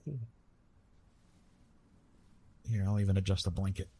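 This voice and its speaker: Speaking deep and steady but at a racing pace, a man plays a retired, immortal Greek god of love in intimate ASMR, soothing and gently teasing the listener in conversation. A faint hiss or hum sits in the audio. The feeling is soft and caring.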